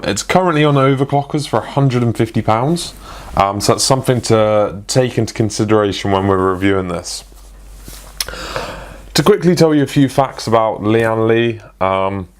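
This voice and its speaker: A young man presenting a casual tech product review, chatty and full of ums and restarts. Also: on the low side.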